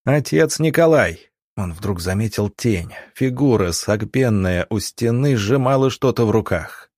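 Low-voiced male audiobook narrator. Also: darkish tone, dry recording, clean studio sound. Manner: measured, dramatic reading.

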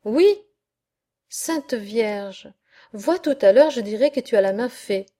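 A bold young country lad from a storybook, teasing and easygoing, as a woman reader voices him. The delivery is slow and mellow, barely lowered from her own fairly high voice. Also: lively intonation.

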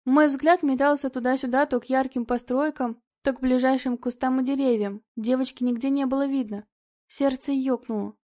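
A woman reads a novel aloud in the first person, steady and expressive. Her voice sits a little high, with a mellow, unforced tone. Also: normal speed. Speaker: audiobook narrator. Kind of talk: scripted first-person narration.

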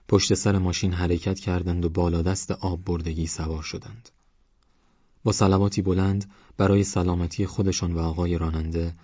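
Male audiobook narrator, calm and even. Low, husky voice, little pitch movement, dry and slightly dull recording. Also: no echo. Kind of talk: scripted novel narration.

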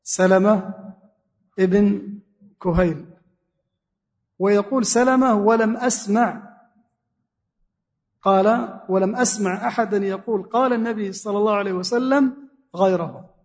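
A man's voice: high-pitched, measured pace, long pauses, darkish tone. A man teaching a religious lesson in a mosque, explaining a text word by word and repeating key phrases. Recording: long reverb of a mosque hall.

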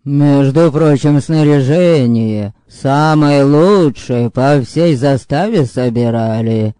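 A male narrator voicing a gruff, sullen man who grumbles in a deadpan way. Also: medium pitch, slow pace, no room sound, clean studio sound, lightly acted.

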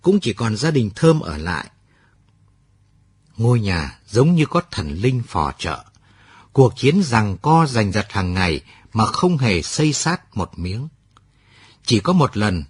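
A man narrating a late-night radio story in a steady storytelling manner. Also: fairly low pitch, a little slow, breathy edge.

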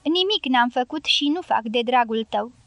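A woman's voice: on the high side, expressive, fairly bright tone, dry recording. A woman reading the part of a sullen male guerrilla leader in an audiobook, speaking bluntly and curtly. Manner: blunt, curt and self-justifying.

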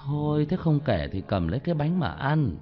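A man plays a kindly villager in a spoken ghost story, gently coaxing a grieving child to eat. The voice stays close to the storyteller's own, plain and soft-spoken. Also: fairly high pitch, big pitch swings, normal speed, muffled recording, soft background music, pitched above the performer's own voice. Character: kindly middle-aged male villager.

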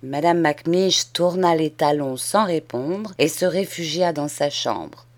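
A woman reading a classic French children's novel aloud in clear, measured narration. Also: low voice, faint music behind. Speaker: audiobook reader. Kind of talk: storybook narration.

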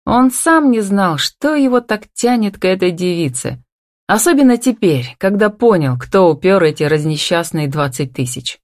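A woman narrating a novel as an audiobook in an even, expressive storytelling voice. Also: medium pitch, normal speed, dry recording, studio quality. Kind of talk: scripted narration.

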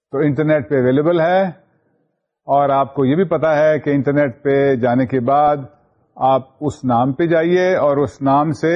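A male lecturer with a Pakistani accent talks students through a recorded lesson in a patient, repetitive way. His voice sits fairly high for a man, and the recording is dull and muffled. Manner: patient, repetitive teaching, mixing in English terms. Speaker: university lecturer. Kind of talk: recorded distance-learning lecture.

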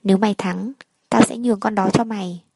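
A woman's voice: mid-range voice, steady tone, a little fast, creaky, warm tone, slight background noise, close to an everyday voice. A woman reading the part of a jealous, hot-tempered young man who threatens his brother. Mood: angry. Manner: blunt, threatening.

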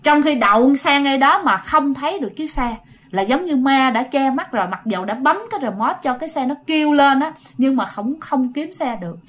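A woman's voice: high-pitched, expressive, fairly quick, a bit bright. A woman telling ghost stories casually, talking straight to her listeners. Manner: chatty, addresses listeners directly. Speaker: storyteller.

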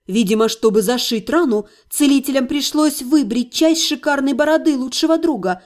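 A woman narrating a fantasy audiobook in the first person, expressive and dramatic. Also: sits high.

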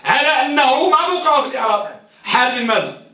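Male lecturer, high voice, quizzes students and repeats points; far from the mic in a very echoey classroom. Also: expressive, fast, pushed and bright. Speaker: teacher of hadith studies. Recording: very echoey room, distant mic.

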